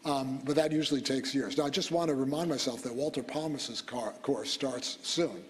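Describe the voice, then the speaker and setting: A man's voice: mid-range voice, normal speed. A man giving a medical school lecture in a conversational, digressive way, with fillers and self-corrections. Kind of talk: classroom lecture. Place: lecture hall. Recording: lecture hall with long reverb and faint noise.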